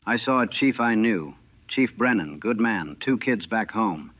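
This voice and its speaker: An animated man with a lowish voice recounts his time as a navy cook during the war, speaking in terse, clipped fragments with a measured, grave tone. The recording is a dry, tinny, narrow-band one from the 1940s.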